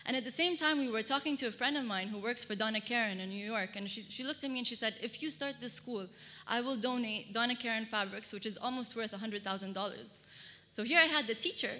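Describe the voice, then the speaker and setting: This is a fairly high, bright, forceful female voice. The speaker, a Kuwaiti fashion designer working as a public speaker, delivers a personal story at a conference. Her amplified words ring out across a large, echoey hall full of listeners.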